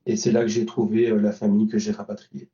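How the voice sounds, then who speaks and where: The speaker is a Belgian man, a volunteer driver, recounting a trip in an interview. He talks fast and in a monotone, his lowish voice warm in tone, yet hesitant with many fillers and restarts. The sound is lo-fi, dull, roomy and distant.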